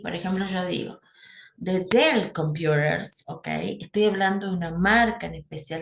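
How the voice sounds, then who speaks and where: Gravelly low-voiced woman teaching English. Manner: explanatory, checks in with a constant "¿sí?". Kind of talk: classroom grammar lecture. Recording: echoey room with faint noise.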